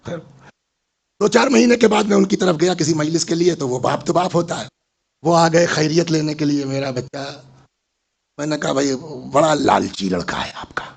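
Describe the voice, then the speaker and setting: Gravelly high-voiced older male preacher. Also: pauses often, a little mellow. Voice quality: gravelly, husky voice. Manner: storytelling, asks the audience questions. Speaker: Islamic scholar giving a majlis lecture. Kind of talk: sermon.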